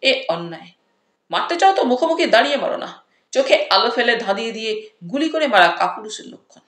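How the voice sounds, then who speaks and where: A woman narrating a comic audiobook story in the first person, with a lively storytelling manner. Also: fairly high pitch, a little fast. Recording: roomy echo.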